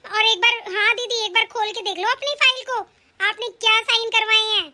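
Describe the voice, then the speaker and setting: A woman plays the good, loyal young daughter-in-law of an animated family drama. Her voice is very high and bright. She speaks calmly and earnestly, holding firm without shouting. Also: moderate pace, heavily acted. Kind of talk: animated story voice acting.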